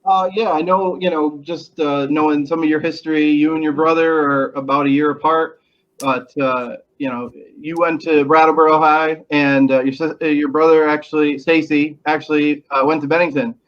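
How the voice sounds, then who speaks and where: A man's voice: a little high, little pitch movement, moderate pace, muffled recording. A male local sports reporter asking a long, rambling, hesitant question. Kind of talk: casual interview question.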